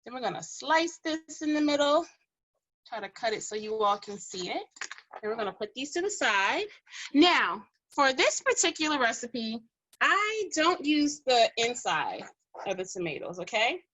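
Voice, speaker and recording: High, bright-voiced woman teaching kids to cook. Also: very animated, moderate pace, rough recording. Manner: instructive, encouraging, repeats key phrases. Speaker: kids' cooking school teacher and host. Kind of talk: step-by-step cooking demonstration addressed to children.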